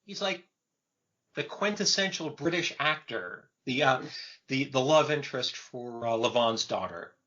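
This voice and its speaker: A man in his fifties co-hosting a film podcast, talking in a measured, thoughtful way with frequent pauses. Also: mid-range voice, animated, sharp tone. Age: 50s. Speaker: podcast host. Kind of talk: casual film discussion. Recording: dull lo-fi podcast audio.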